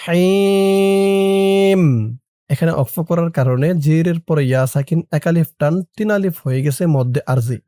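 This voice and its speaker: A man teaching Quran reading. He recites slowly, draws the words out long, then breaks them into syllables and explains how to pronounce them. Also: a little high, dark tone, no room sound, studio quality.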